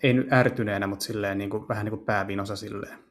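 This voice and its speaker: A man with a lowish, fairly even voice hosts a gaming channel, casually translating a visual novel out loud and groping for words as he goes. Music plays behind him.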